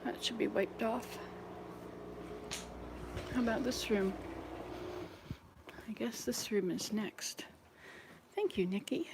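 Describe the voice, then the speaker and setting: A woman's voice: a little high, takes it slowly, vocal fry, long pauses, background noise. A woman in her sixties chatting casually to viewers while she cleans her house, rambling from one chore to the next. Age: 60s. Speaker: vlogger. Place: home indoors.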